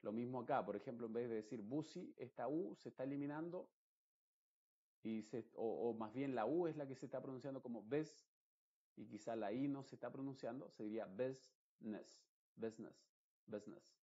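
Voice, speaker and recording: A man, teaching English pronunciation in an explanatory lesson and repeating example words slowly and carefully. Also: medium pitch, mellow, breathy edge. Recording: dull lo-fi recording.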